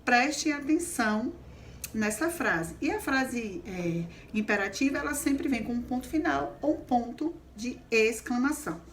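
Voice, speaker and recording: A woman's voice: fairly high pitch, lively intonation, unhurried, slight background noise. A woman teaching a grammar lesson, explaining step by step and often checking in with the class. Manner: explains patiently, checks in with frequent "certo?".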